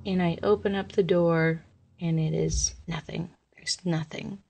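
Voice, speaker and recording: A young woman casually telling her own ghost story, rambling and animated, with plenty of fillers. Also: on the low side, a little slow, vocal fry, husky, faint music behind. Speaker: listener sharing a ghost story.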